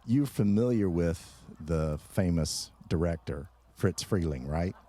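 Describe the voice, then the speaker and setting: A man's voice: low voice, lively intonation, slow, mellow. A man co-hosting a podcast in casual chat, telling stories and trivia with frequent laughs. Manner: storytelling, shares trivia, laughs often. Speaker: podcast co-host.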